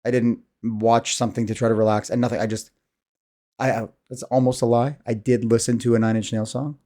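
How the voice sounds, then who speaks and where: Speaking briskly with a flat delivery, a man in his thirties uses a dark, mid-range voice. As a vlogger talking candidly to camera, he rambles casually, puts himself down, and sighs a lot.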